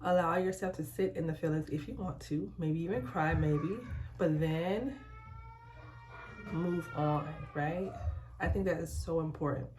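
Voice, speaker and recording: A young woman vlogger chatting candidly in a hushed, halting, reflective way while doing her skincare in a bathroom at home. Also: sits low, steady tone, background noise. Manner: hushed, so as not to be overheard. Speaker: lifestyle vlogger.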